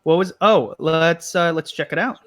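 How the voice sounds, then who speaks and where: Male show host, casual panel chat, a touch high-voiced, loose and rambling delivery. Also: moderate pace, fairly bright tone. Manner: rambling, restarts, reads chat comments aloud.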